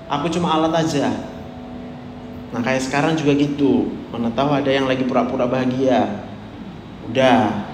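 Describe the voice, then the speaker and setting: A man preaching a chatty sermon, teasing the congregation and swinging from hushed to loud. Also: mid-range voice. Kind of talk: conversational sermon. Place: church hall. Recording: echoey hall with faint room noise.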